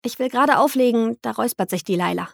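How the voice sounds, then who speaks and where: A woman narrating a novel in the first person, with steady, reflective storytelling. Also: fairly high pitch, fast, vocal fry, no room sound, clean studio sound. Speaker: audiobook narrator.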